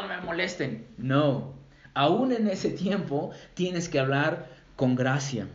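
A man preaching a sermon as a pastor, emphatic, repeating key phrases and checking with the congregation. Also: on the high side. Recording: roomy, dull lo-fi sound.

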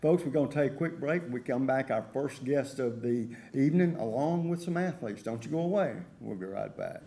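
Mellow-voiced male sports show host. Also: medium pitch, fairly quick. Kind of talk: folksy sports talk hosting.

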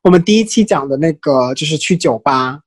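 The recording is dry as this man, slightly high-voiced, brisk and breathy, shares chatty gossip on his podcast, dropping English phrases into Chinese.

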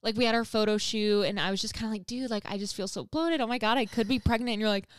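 Chatty young woman, clear smooth voice. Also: medium pitch, quick pace, no room sound, studio quality. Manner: chatty, says "like" often, swears freely. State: expecting a baby. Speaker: podcast co-host. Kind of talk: casual chat between friends.

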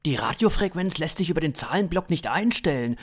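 A man voicing an excitable alien who passes himself off as a human, in an eager, jumpy manner. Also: on the high side, fairly quick, husky, pitched above the performer's own voice.

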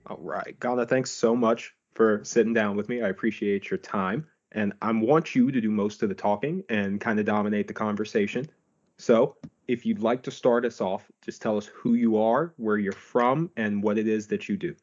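A man hosting a podcast, introducing a guest and asking relaxed, friendly questions. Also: on the low side, moderate pace, highs cut off. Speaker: podcast host.

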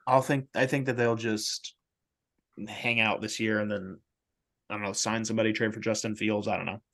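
A man's voice: on the low side, little pitch movement, moderate pace, a bit bright. A young man co-hosting a sports podcast, talking casually and joking, often trailing off into fillers. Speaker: podcast co-host.

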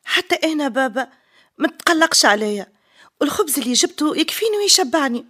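An actress playing a sweet, eager little Tunisian daughter in a radio drama, childlike and pleading. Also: female voice, high voice, sing-song, fast, fairly bright tone. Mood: reassuring.

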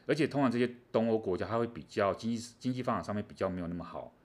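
A man's voice: lowish voice, racing, a little mellow. A man co-hosting a casual chat on world affairs, explaining things animatedly with many fillers. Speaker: co-host.

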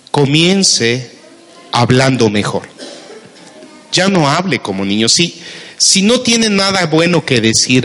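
A man's voice: a little high, a bit bright. A Mexican man preaching a sermon as pastor, asking his listeners questions and calling them brother. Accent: Mexican Spanish. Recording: long hall reverb.

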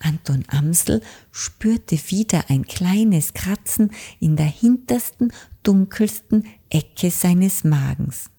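A woman narrating a children's audiobook in a calm, gentle storytelling manner. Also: on the low side, takes it slowly, gravelly, hardly any pauses, slightly rough.

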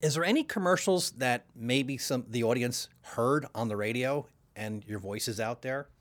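Man, upbeat show host, quick to laugh, eager questions. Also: medium pitch. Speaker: interview host. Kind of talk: casual interview.

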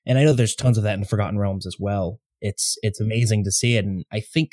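A man hosting a podcast, chatting casually and eagerly in quick bursts. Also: on the low side, steady tone, darkish tone, dry recording, clean studio sound. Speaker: podcast host.

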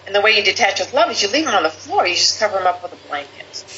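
A woman guest telling a personal story in conversation, animated, quoting people in lively voices. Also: medium pitch, very fast. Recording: slightly dull lo-fi audio with faint background hiss.

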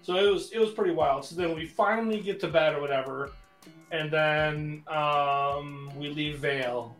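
Casual male podcast co-host, higher voice, rambling storyteller, echoey room with faint music. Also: a little slow. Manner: rambling, animated, many fillers.

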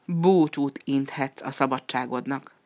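A woman voicing a calm, knowing young boy in a storybook who earnestly warns the animals. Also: extremely low pitch. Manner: earnest, warning.

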